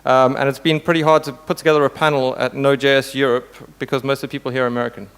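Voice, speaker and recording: Speaking fast with little change in pitch, a male panel moderator, who is a tech CTO, keeps things loose and jokey at a conference. His medium-pitched voice is clean and fairly bright, and the recording carries reverb from the hall's sound system.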